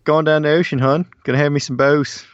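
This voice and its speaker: A man's voice: a little high, fairly even intonation, brisk, clear, resonant tone, no room sound, lo-fi sound, pitched above the performer's own voice, natural voice. A man voicing an exaggerated Baltimore beachgoing local with a thick Baltimore accent. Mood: playful.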